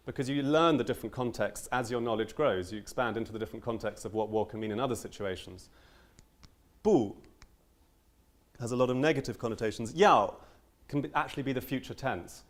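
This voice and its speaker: A young man, a language teacher, giving an earnest, animated conference talk with frequent ums and restarts. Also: medium pitch.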